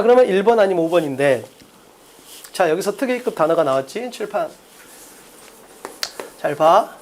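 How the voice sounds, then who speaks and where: A man's voice: sits high, a little hiss or hum. A man teaching an online exam-prep English lecture, drilling students with constant rhetorical questions.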